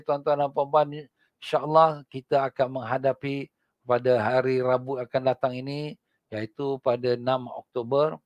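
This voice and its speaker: A man with a Singaporean Malay accent giving a religious lecture in a mosque, swinging from loud emphatic points to hushed prayers. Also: mid-range voice, dry recording. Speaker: religious teacher.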